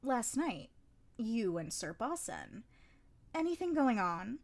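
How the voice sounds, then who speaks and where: This is a scheming young nobleman who talks smoothly and without shame, teasing and wheedling. His lines ride a lively, swinging pitch that leaps up high, read by a woman narrating a storybook. He never stops pushing. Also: slow, heavily acted.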